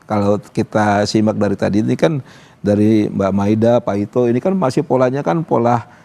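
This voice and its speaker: A lowish, gravelly, dark voice at normal speed belongs to a man appearing as an activist guest in a TV studio. He chats loosely during the live talk show discussion, leaning heavily on fillers such as "gitu" and "apa namanya."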